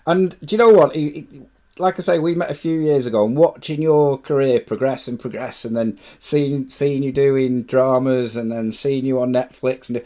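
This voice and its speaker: A man's voice: mid-range voice, normal speed, warm tone. Rambling man hosting a podcast. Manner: enthusiastic, rambling with restarts. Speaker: podcast host. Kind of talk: casual podcast chat.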